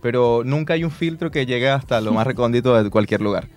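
A man's voice: mid-range voice, a little fast. A young man in his twenties, a hair salon owner, explaining upbeat in a radio interview. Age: 20s.

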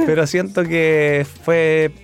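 Chilean guy just chatting, kinda high voice, really creaky. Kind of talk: casual chat.

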